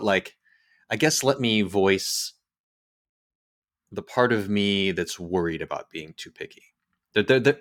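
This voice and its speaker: This man in his forties hosts a podcast, speaking in a low voice with a fairly bright tone. The talk is casual and reflective, and he hesitates as he thinks aloud, frequently restarting and repeating words while searching for what to say.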